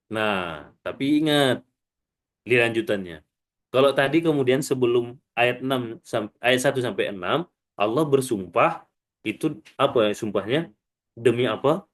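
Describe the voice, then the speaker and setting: A man's voice: mid-range voice, normal speed, pauses often. A man preaching a study sermon in a mosque, asking his listeners questions and having them answer back. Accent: Indonesian. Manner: animated, call-and-response questions to listeners. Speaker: preacher teaching students.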